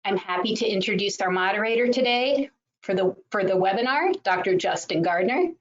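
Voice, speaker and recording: A journal manager hosting a webinar opens it by politely reading a scripted welcome and introduction. Her medium-pitched voice is animated and a little fast, and the webinar audio is dull and lo-fi.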